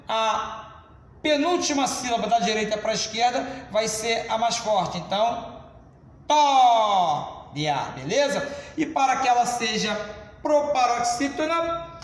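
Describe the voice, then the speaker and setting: A Brazilian man teaching a grammar lesson at the board, explaining slowly and addressing the class as "senhores.". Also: extremely high pitch, fairly bright tone. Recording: echoey classroom, reverb.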